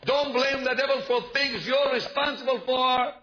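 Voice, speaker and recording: A man's voice: very high voice, fairly even intonation, moderate pace, sharp tone. A man preaching a sermon, driving his points home by repeating them and calling out to the congregation. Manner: emphatic, repeats key points, asks the congregation to respond. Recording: dull, noisy live sermon recording.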